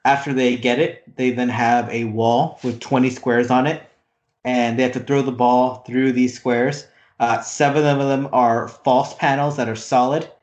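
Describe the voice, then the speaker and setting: A man's voice: medium pitch, a little slow, muffled recording. Chatty man in a roomy room. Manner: rambling, many "like" fillers, animated retelling. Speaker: podcast co-host. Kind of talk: casual chat recapping a reality show. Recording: roomy echo.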